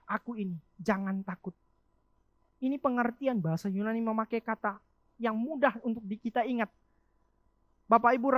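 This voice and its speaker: A woman preaching a youth sermon in church, animated, asking the listeners questions and answering them herself. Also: fairly high pitch, no echo, dull audio.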